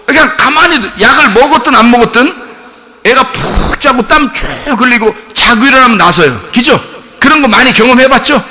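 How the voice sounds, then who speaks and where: A middle-aged male pastor preaching a sermon in a church, telling stories in an animated, humorous way and laughing often. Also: extremely high pitch, fairly quick. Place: church sanctuary. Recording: long church-hall reverb.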